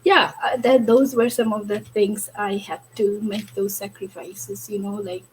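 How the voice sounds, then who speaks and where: A woman's voice: medium pitch, little pitch movement, measured pace, slight background noise, poor audio. A woman from Fiji, telling her own business story on a panel in an earnest, candid way, with many fillers. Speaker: online business owner on a panel. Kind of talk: personal story in a panel discussion.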